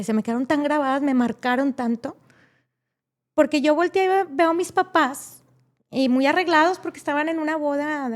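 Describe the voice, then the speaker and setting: A woman, a podcast guest telling an emotional personal story and acting out the people she quotes, with many fillers. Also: high-pitched.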